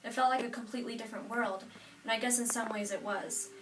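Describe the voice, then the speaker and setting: An eighteen-year-old woman from Nebraska reads her own narrative speech from note cards, at a steady pace with the odd self-correction. She sits back from the microphone in a roomy space, with a faint hiss under her voice. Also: a little high, quick pace. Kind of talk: reading a prepared personal narrative speech. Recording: roomy sound from a distant mic.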